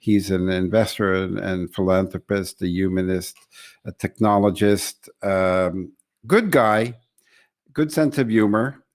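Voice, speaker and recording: A man hosts a webinar from a studio, with a voice that sits very low. He reads a promotional opening and then introduces his guest. When he leaves the script he gets a little hesitant. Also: unhurried. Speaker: podcast host.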